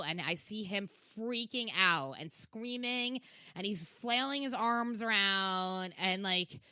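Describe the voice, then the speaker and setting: A woman's voice: medium pitch, no echo. A young adult woman, a podcast guest, telling a rambling story in casual chat, full of fillers and swearing. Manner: animated, profane, rambling with many fillers.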